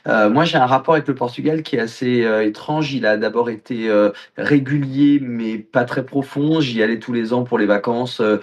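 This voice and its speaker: A man's voice: mid-range voice, normal speed, hardly any pauses, lo-fi sound. French-born male actor, mid-range voice, expansive interview talk. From France. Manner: expansive, talks at length. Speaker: actor and author, podcast guest. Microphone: video call.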